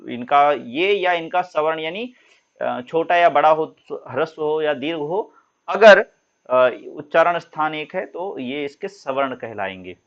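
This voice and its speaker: Man teaching grammar, slightly high voice. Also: lively intonation, unhurried, dull audio. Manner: explains patiently, addresses students as children, draws out example sounds. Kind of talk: classroom lesson.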